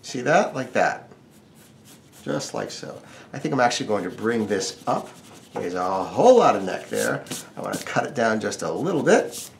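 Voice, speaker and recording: Speaking at a normal speed in a fairly low, sing-song voice with vocal fry, a drawing instructor runs a laid-back step-by-step tutorial. He adds wry, joking remarks, with a bit of noise in the background.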